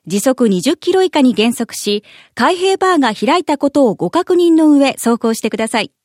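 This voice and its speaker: A woman reading a scripted public information announcement in a formal, clearly worded manner. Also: high voice, a little mellow, no room sound, studio quality. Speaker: announcer of a motorway information spot.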